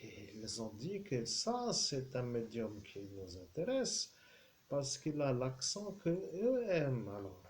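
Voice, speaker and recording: A man's voice: medium pitch, big pitch swings, takes it slowly, a little hiss or hum, rough recording. A man speaking as a self-styled medium, delivering a rambling channeled message that drifts between full voice, murmurs and whispers. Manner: meandering, slipping into murmurs and whispers.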